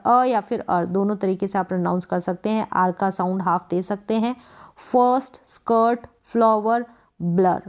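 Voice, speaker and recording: A woman teaching English pronunciation, explaining spelling rules step by step and repeating example words slowly and patiently. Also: medium pitch. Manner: patient and repetitive, restating each rule. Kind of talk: explaining phonics rules, reading letter pairs and example words aloud.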